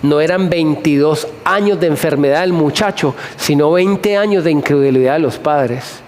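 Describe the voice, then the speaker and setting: A high-voiced man preaching a lively sermon to a congregation. He repeats phrases over and over and keeps putting questions to the listeners. A faint hiss runs under the recording. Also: normal speed. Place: church hall before a congregation.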